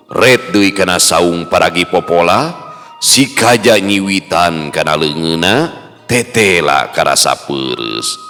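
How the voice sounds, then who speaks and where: A man narrating a folk tale in a slow, rhythmic storytelling manner. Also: low-pitched, bright, forceful tone. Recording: long reverb with faint music.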